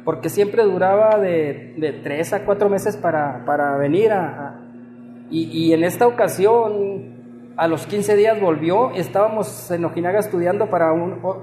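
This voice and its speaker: A man recounts his conversion in an earnest, reflective personal testimony. His voice sits high but sounds mellow and soft-edged. The room around him is echoey. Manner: earnest, reflective storytelling, often quoting himself. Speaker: former musician giving a conversion testimony.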